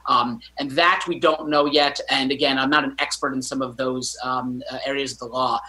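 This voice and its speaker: A physician in his thirties answers news interview questions over a video call from his home study, acting as a guest commentator. His mid-range voice is pushed and bright, with fairly even intonation and normal speed, on poor audio. He hedges hesitantly, full of ums, fillers and restarts.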